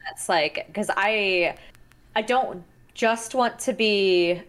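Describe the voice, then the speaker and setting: A woman's voice: medium pitch, slow, fairly bright tone. A woman cohosting a podcast in casual chat, reflective and searching for her words as she talks.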